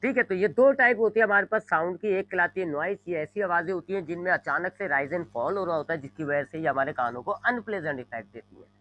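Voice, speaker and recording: High-pitched, fast, pushed and bright, this man's voice comes through poor microphone audio. He's a physics teacher lecturing a class, drawing on a board as he talks, relying on repeated everyday examples, frequently using "जी", and mixing in English terms.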